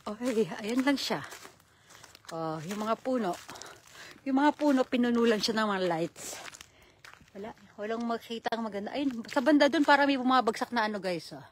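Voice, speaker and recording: A woman's voice: on the high side, moderate pace, slight background noise. A woman chatting casually as she walks hotel grounds at night, laughing often and slipping Japanese words in, out of breath from the cold. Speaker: travel vlogger. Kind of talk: casual walking vlog narration.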